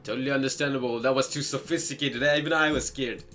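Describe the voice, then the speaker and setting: A gaming content creator gives casual playthrough commentary on a visual novel, with game music playing behind his voice. His medium-pitched voice is steady and sharp, he talks fast, and he chats and reacts aloud to the story with questions.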